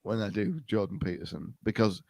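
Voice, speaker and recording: A man with a fairly low voice hosts a casual podcast chat. He rambles and restarts his sentences often. The sound is dry and close, with no room around it. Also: a little fast, vocal fry, a little mellow, dry recording. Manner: rambling, hesitant, with frequent restarts. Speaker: podcast host.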